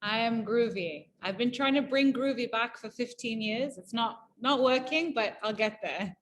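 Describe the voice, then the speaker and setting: Her voice sits a little high at a moderate pace, with a faint hiss or hum on the recording. She's a thirty-something entrepreneur from Malawi, chatting cheerfully in a conversational interview, full of fillers and false starts.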